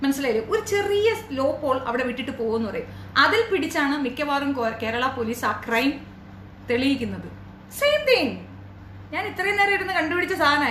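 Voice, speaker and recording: A high, bright, sarcastic woman commentator. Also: a little hiss or hum. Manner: sarcastic, taunting, full of rhetorical questions. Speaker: commentary YouTuber. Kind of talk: reaction commentary. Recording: roomy echo.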